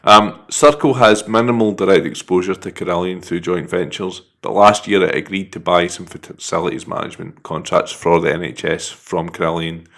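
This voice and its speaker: A man's voice: deep voice, steady tone, moderate pace, few pauses, a bit bright. A man with a Scouse accent, co-hosting a casual podcast chat, running through facts with jokes and laughs. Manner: jokey, reads facts out between laughs. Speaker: podcast co-host.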